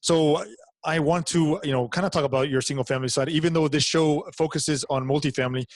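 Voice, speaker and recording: A man's voice: on the high side, fairly even intonation, a little fast, no echo. Chatty male podcast host. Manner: friendly, hesitant, many fillers. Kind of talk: podcast interview.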